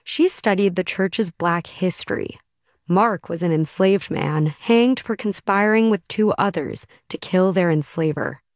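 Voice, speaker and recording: A woman's voice: lowish voice, dry recording. Woman reporter narrating a dry-sounding feature. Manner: steady, measured storytelling. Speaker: radio reporter. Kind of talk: scripted radio feature narration.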